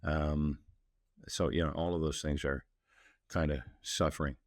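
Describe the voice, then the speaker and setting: Low-voiced man talking plainly. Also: dry recording, clean studio sound. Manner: relaxed, halting, many fillers and restarts. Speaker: mining company executive guest. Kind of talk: casual interview talk.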